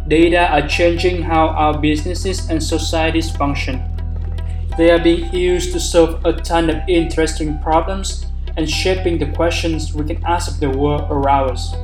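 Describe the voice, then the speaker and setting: A man reading a scripted podcast introduction in a measured, read-aloud way. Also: fairly high pitch. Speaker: podcast host. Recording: roomy recording with guitar music.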